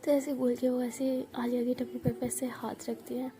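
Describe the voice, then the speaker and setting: Casual: woman doing whispered role-play, hushed and close to the mic, kinda high but flat and mellow. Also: normal speed. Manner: soft hushed narration. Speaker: storyteller.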